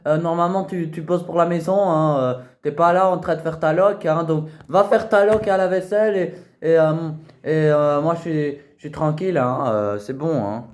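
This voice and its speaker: A man's voice: a little mellow, close to an everyday voice. A man voicing an exasperated middle-aged mother who stumbles and hesitates as she scolds, recorded in an echoey room. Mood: lecturing. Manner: low, halting, full of hesitations.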